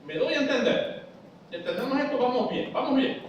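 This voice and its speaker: A man's voice: very high voice, expressive, brisk, recorded from a distance, muffled recording, slight background noise. A man preaching a Bible study in church, explaining step by step and checking whether the audience follows. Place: church hall. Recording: echoey church hall, voice from afar.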